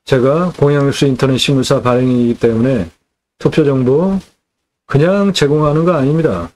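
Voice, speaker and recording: A man's voice: medium pitch, moderate pace, a little mellow. A middle-aged man hosting a land sales channel, delivering an indignant, scolding political rant.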